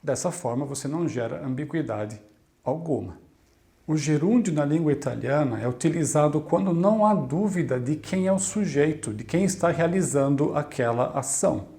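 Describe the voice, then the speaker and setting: Clear, deliberate man teaching. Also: fairly high pitch, expressive, mellow. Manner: clear, deliberate, slows down to model Italian words. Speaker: Italian language teacher. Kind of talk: scripted video lesson.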